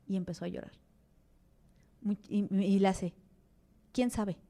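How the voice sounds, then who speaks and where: A Mexican woman, a mother appearing as a podcast guest, tells her story animatedly in an interview conversation, acting out dialogue and using many fillers. Her Mexican Spanish-accented voice is mid-range and warm, with a level tone and moderate pace.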